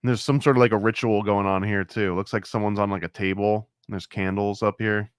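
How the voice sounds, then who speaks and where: A man's voice: fairly low pitch, little pitch movement, a little fast, smooth, no echo, clean studio sound. A man co-hosting a casual podcast chat, rambling and laughing often, his talk full of "like". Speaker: podcast co-host.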